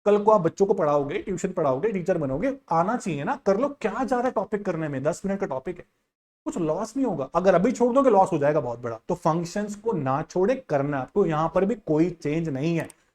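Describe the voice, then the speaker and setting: Higher-pitched male teacher, insistent. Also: animated, a little fast, darkish tone. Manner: direct, insistent, addresses students as "yaar" and "bhai". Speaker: economics teacher. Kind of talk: casual exam-guidance lesson, screen walkthrough.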